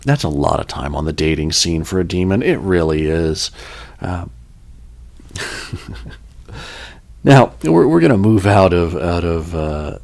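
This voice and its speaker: Gravelly, animated male podcast host. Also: low-pitched. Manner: rambling, joking asides, self-corrections. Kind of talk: casual folklore storytelling.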